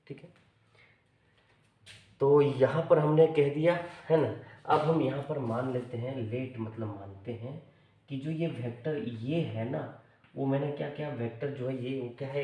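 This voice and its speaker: Indian physics teacher lecturing at a board. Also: male voice, mid-range voice, vocal fry, mellow. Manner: asks and answers his own questions, repeats "theek hai". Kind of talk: blackboard lecture. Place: classroom with a board. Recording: roomy echo, voice from a distance.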